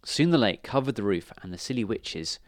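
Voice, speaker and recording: A man reading a children's story aloud in an expressive, lively way. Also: on the low side, a little fast, no room sound, clean studio sound.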